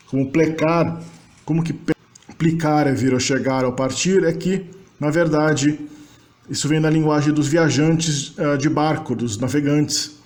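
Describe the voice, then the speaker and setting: A man teaching a linguistics lesson. He talks in a conversational way, adds tag questions, and recites verb forms slowly. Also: a little high, a little mellow. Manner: pauses to reformulate mid-sentence. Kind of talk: explanatory lecture.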